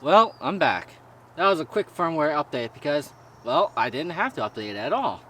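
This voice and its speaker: A man giving a casual product review in a halting, informal way, stumbling over words now and then. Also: fairly high pitch, big pitch swings, fairly bright tone. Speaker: gear reviewer. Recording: noisy raw camera-mic audio with ambience.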